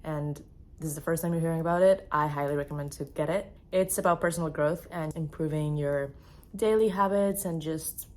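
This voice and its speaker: A woman's voice: low-pitched, a little fast, a little mellow. A young woman chatting casually to camera in a vlog, upbeat and full of "like" fillers. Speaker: fitness vlogger. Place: home, then gym.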